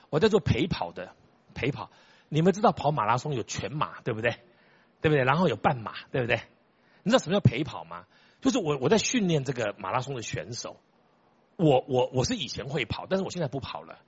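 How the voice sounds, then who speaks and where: Husky older man preaching, lively. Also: medium pitch, lo-fi sound. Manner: emphatic storytelling, repeats phrases, rhetorical questions. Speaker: church elder. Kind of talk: sermon.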